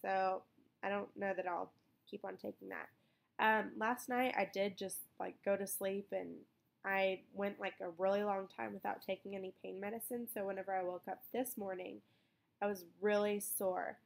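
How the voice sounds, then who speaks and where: A young woman chats informally as if to followers of her vlog. Her mid-pitched voice has noticeable creak and fry. She rambles in an everyday way, dropping in "like" as she goes. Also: fairly even intonation, moderate pace, slight background noise. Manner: rambling, informal, with frequent "like" asides. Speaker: vlogger recovering from surgery. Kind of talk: casual chat vlog.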